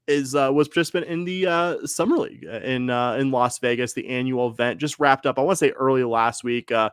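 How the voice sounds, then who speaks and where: A male co-host on a casual sports podcast rambles through the chat, full of fillers and self-corrections. His mid-range voice is smooth and brisk, recorded dry and close with no room sound.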